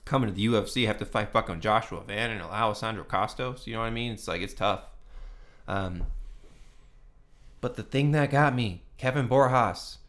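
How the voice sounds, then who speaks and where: In a lowish, fairly bright voice at a normal speed, a man runs his own fight picks channel and lays out his predictions. He starts casual, then gets worked up, heated and profane, swearing often and repeating himself for emphasis with lots of "come on now" and "you know what I mean."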